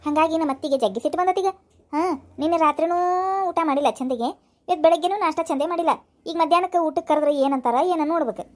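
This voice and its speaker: A woman's voice: sits high, quick pace, close to an everyday voice. A woman doing a chatty cartoon daughter-in-law with a North Karnataka accent. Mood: chatty pleading. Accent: North Karnataka Kannada. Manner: chatty, pleading. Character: chatty young daughter-in-law, dutiful and fussing.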